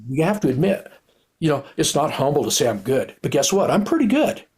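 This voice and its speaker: A man's voice: a little high, big pitch swings, brisk, a little mellow, slightly rough. A middle-aged man, a retired police officer, telling his story in a candid, rambling, earnest way, often restarting his sentences.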